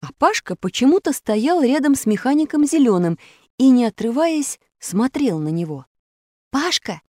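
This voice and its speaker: A woman narrating a children's story aloud in an expressive, animated way. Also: high voice, normal speed, dry recording, clean studio sound.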